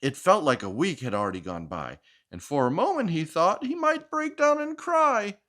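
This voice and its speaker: Here a male storyteller speaks at a normal speed in a high, sing-song voice with a sharp edge. He reads a picture book expressively to a child, breaking off for playful chatter, posing questions and echoing the replies.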